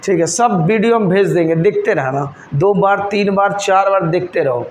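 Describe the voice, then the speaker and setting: A male coaching-class teacher teaching math to a live class. He quizzes his students constantly, scolds and teases them, and slows down to spell out each step. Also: high voice, darkish tone, a little hiss or hum. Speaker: teacher for government exam coaching.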